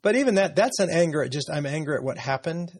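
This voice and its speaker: A man's voice: on the high side, animated, quick pace, a little mellow, breathy edge. A middle-aged man, an interview guest, talking about his family in an earnest, reflective way with some hesitation. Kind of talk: personal story in conversation.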